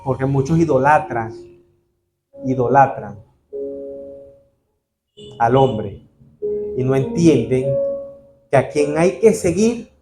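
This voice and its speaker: A man's voice: mid-range voice, animated, slow, pauses often, music in the background. A man preaching a sermon in a church, earnest and calling the congregation brother.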